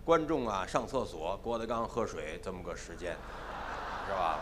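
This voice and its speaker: Casting: male crosstalk performer, mid-pitched lively voice, talks to the crowd, reverberant hall with faint noise. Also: moderate pace. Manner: chatty, addresses the audience directly. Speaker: crosstalk performer opening the next act. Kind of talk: stage crosstalk monologue. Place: theater stage before a live audience. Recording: live theater hall with reverb, faint hum.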